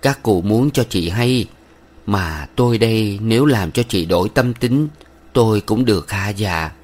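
A man's voice: fairly low pitch, expressive, unhurried, a little mellow. A man voicing a stern, moralizing middle-aged village matron who lectures a young woman with sugary sternness in a read-aloud novel. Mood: lecturing.

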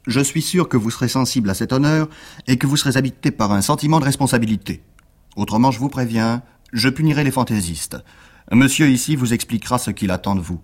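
A man's voice: mid-range voice, fast talker, lightly acted. A man voicing a pompous, stern school headmaster who makes solemn, threatening speeches to children in a read-aloud story.

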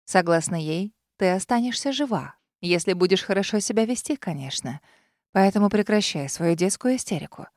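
A woman voicing a treacherous old grandmother witch in an audiobook, speaking in a soft, honeyed, condescending way. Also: mid-range voice, expressive, normal speed, dry recording, clean studio sound, lightly acted. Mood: calm mocking. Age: older.

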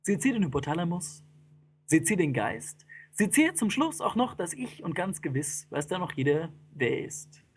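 A performer voicing a calm, smug scientist who lectures in rapid pseudo-scientific jargon, in a dramatic spoken-word poem. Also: mid-range voice, a little hiss or hum. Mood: smug lecturing.

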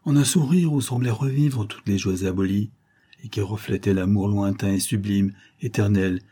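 A male narrator reading a classic novel aloud with measured, dramatic phrasing. His voice is low and dark, with a husky, unpolished edge. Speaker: audiobook narrator. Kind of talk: literary audiobook reading.

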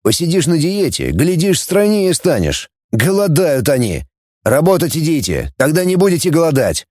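A man's voice: a little high, wildly swooping pitch, normal speed, darkish tone, dry recording, studio quality, voice pushed up. A man reading an audiobook voices a tough, sarcastic male space-fleet coordinator who barks orders. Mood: commanding.

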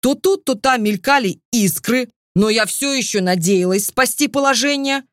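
Expressive female audiobook narrator, dry close studio sound. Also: a little high, moderate pace, dry recording. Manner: lively, expressive storytelling. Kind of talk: first-person fantasy audiobook narration.

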